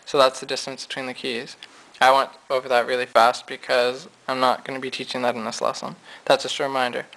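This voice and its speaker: A man's voice: medium pitch, flat delivery, fairly quick, gravelly, bright, forceful tone, slight background noise, rough recording. A man giving a casual, chatty piano lesson, explaining his points at the keyboard. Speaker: music teacher. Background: piano notes.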